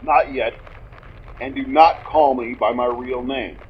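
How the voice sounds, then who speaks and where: A man's voice: medium pitch, fairly even intonation, unhurried, slight background noise, lightly acted. An actor playing a precise, guarded male scientist in a breathing suit in an audio drama. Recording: dull lo-fi sound.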